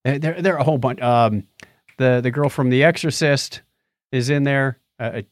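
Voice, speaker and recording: Speaking at medium pitch and normal speed, this middle-aged or older podcast co-host rambles through casual movie and book reviews, reaching for names he can't quite find. The recording is dry.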